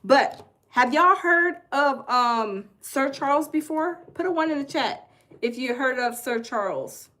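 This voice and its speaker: Casting: Southern woman livestream host, high voice, chatty and folksy, repeats herself. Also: lively intonation, unhurried, fairly bright tone. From American South. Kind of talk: casual livestream chat, reading viewer comments.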